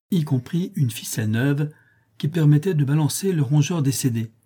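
Man, audiobook narrator, mellow dark tone, husky, steady storytelling. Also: medium pitch.

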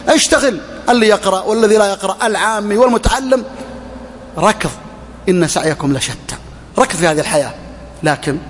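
A middle-aged sheikh with a high-pitched voice teaches hadith, exhorting listeners through rhetorical questions and repeated phrases. The recording has a big-room sound and slight background noise.

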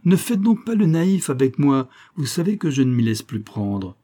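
A shrewd, mocking young woman singer, voiced by a male audiobook reader who lifts his voice well above his own. She needles and bargains with quick scorn. The pitch sits high and lively. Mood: scornful. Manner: teasing, sharp and mocking.

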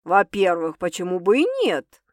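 A woman voicing a calm, self-assured wealthy man who speaks in a measured, slightly condescending way, pitched a little lower than her narration. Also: dry recording, studio quality, lightly acted.

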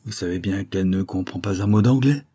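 A man reading aloud voicing an irritable, bossy woman in a shrill, scolding manner. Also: brisk, mellow, breathy edge, no room sound. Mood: mocking.

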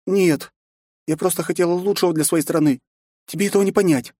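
A man's voice: sits high, brisk, dark tone, dry recording, clean studio sound, voice pushed up. Man voicing a sad, formal young princess. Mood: hurt. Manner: polite, subdued.

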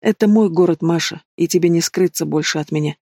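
A man voicing a domineering, possessive mobster in an audiobook, speaking low and mocking. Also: brisk, vocal fry, a little mellow, no echo, studio quality. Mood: menacing.

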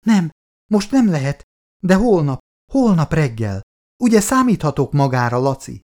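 A man's voice: fairly high pitch, very animated, darkish tone, voice pushed up. A man voicing a distraught middle-aged mother who pleads in a breaking, tearful voice. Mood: pleading, tearful.

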